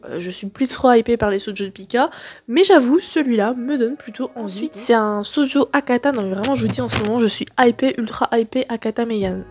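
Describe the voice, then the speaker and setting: Chatty young woman gushing about manga. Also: a little high. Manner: excitable, slangy, many fillers. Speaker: manga booktuber host. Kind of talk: casual chat about manga releases.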